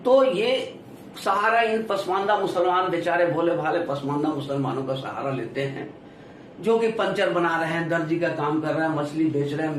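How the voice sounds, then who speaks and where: A man delivering a political commentary monologue to his viewers, stressing key words and falling off at the ends of phrases, with rhythmic lists. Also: a little high. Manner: lists items in rhythmic repetition. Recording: echoey room, voice from a distance, faint hiss.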